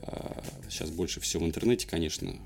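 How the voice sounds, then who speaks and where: Young guy being interviewed, kinda low voice, casual storytelling, light music in the background. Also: quick pace, gravelly. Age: young adult. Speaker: interview guest, TV journalist.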